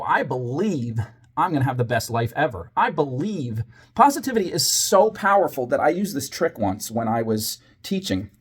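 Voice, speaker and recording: A man telling a story from his years as a teacher, dramatizing it with whispers and quoted voices. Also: medium pitch. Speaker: former teacher, channel host. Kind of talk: personal storytelling monologue.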